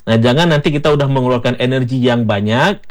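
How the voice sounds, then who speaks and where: Guest: man with an Acehnese accent, steady mid voice, talks things through patiently. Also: medium pitch, quick pace. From Aceh, Indonesia. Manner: explanatory, repeats words and says "betul". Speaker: guest content creator. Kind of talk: casual interview talk.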